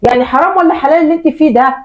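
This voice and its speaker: A woman's voice: high-pitched, racing, close to an everyday voice, rough recording. A woman playing a reproachful eldest daughter and mother of four who resents her sister, speaking with an Egyptian Arabic accent in a family drama skit. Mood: indignant. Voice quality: indignant, reproachful.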